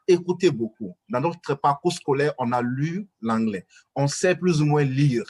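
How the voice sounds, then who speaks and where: A man's voice: on the high side, measured pace, darkish tone, breathy edge. A man with an Ivorian French accent giving earnest advice in a webinar, full of fillers and restarts. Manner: hesitant, many fillers and restarts, urging. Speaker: guest speaker.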